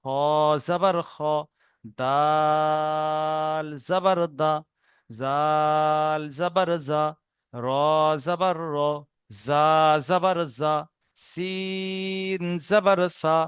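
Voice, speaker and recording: Male teacher, Bengali accent, smooth higher voice, dry close mic; slow patient explaining, drawn-out recitation of letter sounds. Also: fairly even intonation, fairly bright tone, no room sound. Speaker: Quran reading teacher. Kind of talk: recorded lesson.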